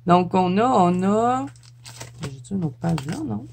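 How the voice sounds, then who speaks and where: A woman's voice: lowish voice, expressive, unhurried, gravelly, darkish tone, slight background noise. Chatty Quebec French woman, laughing often. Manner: chatty, laughs often, trips over words. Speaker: YouTuber. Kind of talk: casual show-and-tell vlog.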